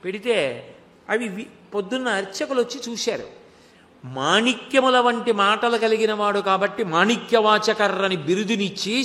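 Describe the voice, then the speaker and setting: A man's voice: sits high, pushed and bright. A man giving a devotional discourse. He tells a story in an emphatic way. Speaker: devotional speaker. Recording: long hall reverb.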